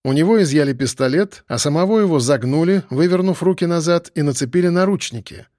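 A male narrator reads a novel aloud with a lively, rising and falling delivery. His voice sits a bit high for a man. The recording is dry and close. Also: fast, no room sound. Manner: lively, expressive reading. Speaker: audiobook narrator. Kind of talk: scripted narration.

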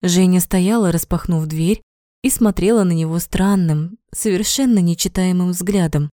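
A woman reading an audiobook in a steady, measured storytelling manner. Her voice is warm and mellow, at a middle pitch. The recording is close and dry. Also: dry recording. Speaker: narrator. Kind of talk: audiobook narration.

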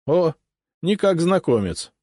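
A man's voice: fairly high pitch, big pitch swings, slow pace, dry recording, studio quality, pitched above the performer's own voice, full character voice. A man doing a hearty Cossack captain. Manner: loud, boisterous greetings.

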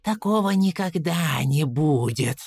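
A woman voicing a dead, whispering old man made of rats, slow and coaxing in an audiobook. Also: deep voice, animated, a little mellow, dry recording, clean studio sound, full character voice. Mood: eager promising. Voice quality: breathy whisper. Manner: slow, wheedling, tempting. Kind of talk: audiobook character voice.

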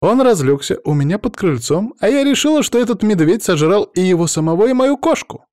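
A man voicing an excitable young woman, pitched high. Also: brisk, dry recording, clean studio sound. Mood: agitated. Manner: high, agitated, breaking into exclamations. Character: young woman, emotional, quick to flare up. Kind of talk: audiobook character voice.

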